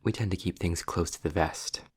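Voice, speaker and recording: Here the same trapped demon character, sarcastic and worldly, explains himself with wry reluctance. The man voicing him speaks low and breathy with a gravelly edge, pausing dryly and on purpose, and he frequently drifts down to a whisper.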